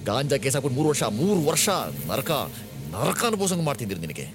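Brief: actor as stern police officer, mid pitch, brisk and cutting, film soundtrack. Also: male voice, very animated, over music, natural voice. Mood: menacing. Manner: sarcastic, menacing. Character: stern, bitter male police officer, middle-aged.

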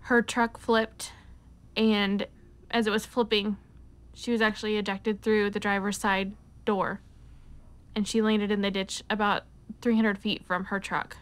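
A young woman in a living room giving a grieving, steady documentary testimony. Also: medium pitch, unhurried. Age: young adult. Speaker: interviewee. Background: guitar music.

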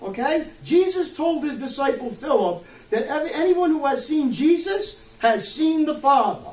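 Soft music sits beneath this sixty-something pastor's very high, expressive, darkish voice as he preaches at a moderate pace. He is emphatic, leaning on rhetorical questions and check-ins such as "okay?" and "you see?", recorded through a roomy, far-off mic with background noise.

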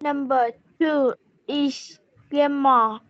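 High, very slow student voice on a call. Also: female voice, fairly even intonation, a bit bright. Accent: Vietnamese. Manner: slow, careful, answers in short words. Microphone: video call. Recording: dry, dull lo-fi call audio.

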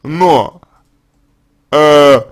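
A man answering a reader's letter as a psychologist, in a halting, deliberate monologue full of fillers and restarts. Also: fairly high pitch. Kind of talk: slow consulting monologue.

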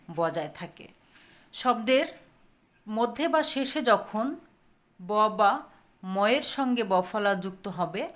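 A woman teacher giving a grammar lesson on pronunciation, repeating example words slowly and answering her own questions. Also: mid-range voice, slight background noise.

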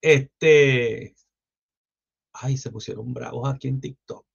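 A man's voice: mid-range voice, fairly even intonation, takes it slowly, creaky, breathy edge. A Venezuelan man with a Venezuelan accent, hosting a livestream and ranting in a crude, mocking, rambling way. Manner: foul-mouthed, mocking, loose and rambling. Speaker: livestream host. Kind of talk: crude political livestream rant. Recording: muffled lo-fi livestream audio.

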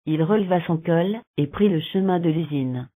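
A synthetic woman's voice reading a novel aloud in a flat, monotone way with uneven phrasing. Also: on the low side, normal speed. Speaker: narrator. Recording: narrow phone-like sound.

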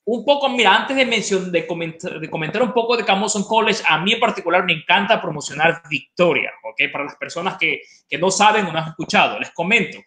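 A man in his thirties with an Ecuadorian accent, appearing as a webinar guest for a college, speaks fast with few pauses in a high, bright, pushed voice and lively intonation. He explains things informally and enthusiastically, repeating words for emphasis, in promotional interview talk. He's on a video call from a home living room with an open kitchen, and the call picks up a roomy echo.

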